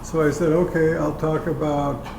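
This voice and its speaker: A man's voice: fairly high pitch, level tone, moderate pace, creaky. A man telling a rambling, chuckling story about the show he produces, chatting at a dinner meeting. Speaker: public-access show producer. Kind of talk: casual chat at a dinner meeting. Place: dinner gathering indoors. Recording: echoey room, background noise.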